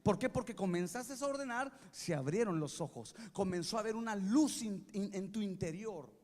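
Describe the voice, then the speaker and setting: High-voiced, lively preaching man. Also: moderate pace. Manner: animated preaching, has the congregation repeat after him and asks if they follow. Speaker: pastor. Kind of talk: sermon. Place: church sanctuary. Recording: long hall reverb from a church.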